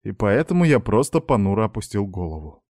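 A man reading a novel in first-person audiobook narration, even and measured. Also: fairly low pitch, no room sound, clean studio sound.

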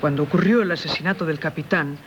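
In a 1970s Castilian Spanish radio drama, an actress plays a tormented married woman haunted by a former lover, narrating in a grave, solemn, confessional and theatrical manner. Her voice is deep and quick, lightly acted, on a dull old recording with faint noise.

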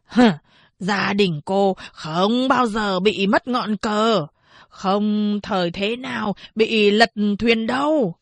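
Woman doing a slow, wailing blind old man. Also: mid-range voice, no room sound. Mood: pleading. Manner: slow drawn-out speech with hesitant fillers.

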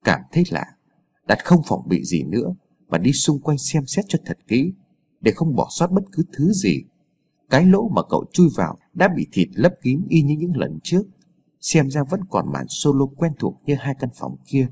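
A man narrating a scripted horror story in a dramatic, expressive storytelling manner. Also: mid-range voice, normal speed, vocal fry.

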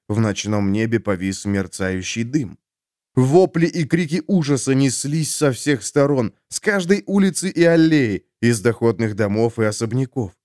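A man reading a story aloud as audiobook narrator in an expressive manner. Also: medium pitch, no room sound, studio quality. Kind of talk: scripted narration.

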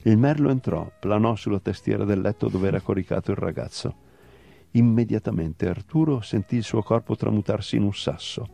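Gravelly man reading a fable. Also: on the low side, dark tone. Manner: measured, storytelling delivery. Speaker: story reader. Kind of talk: scripted narration of a fable.

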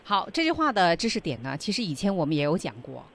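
A woman's voice: fairly low pitch, very animated, quick pace, fairly bright tone. A woman hosting a radio English lesson, encouraging listeners and stressing the key points. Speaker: radio program host.

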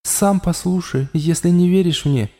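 A man performs a pleading, ominous voice inside the hero's skull for an audiobook. It sits a little high yet sounds mellow and dark. A long reverb tail hangs on every word. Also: a little slow. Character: insistent alien voice inside a man's head.

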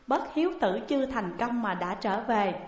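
An earnest young swordsman speaks slowly and respectfully, read by a woman narrator. The audiobook recording is roomy, with a long, echoing reverb. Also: a little high, animated, highs cut off, natural voice. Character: young male martial hero, dutiful son.

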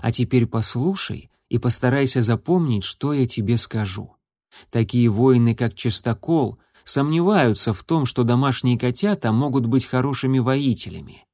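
A man voicing a serious young warrior tomcat who mentors a kitten, speaking in a grave, measured way. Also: mid-range voice, a little mellow, dry recording, clean studio sound, close to an everyday voice. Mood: stern. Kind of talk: audiobook character voice.

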